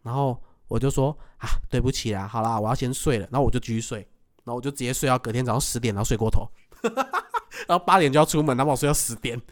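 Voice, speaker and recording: A man telling a story in casual chat, animated, laughing often and acting out what he said. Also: medium pitch, fast talker. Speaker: podcast co-host.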